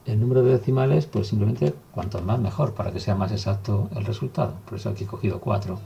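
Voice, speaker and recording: Low gravelly male teacher. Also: fast talker, muffled recording, slight background noise. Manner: calm, step-by-step explaining while writing. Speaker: math teacher. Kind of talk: recorded math lesson.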